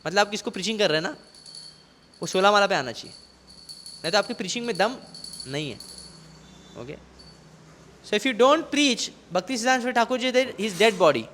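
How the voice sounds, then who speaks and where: An Indian man giving a scripture class, reading English commentary slowly and deliberately, then explaining quickly in Hindi with a mix of English words. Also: high voice, fairly bright tone. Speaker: preacher. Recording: long hall reverb.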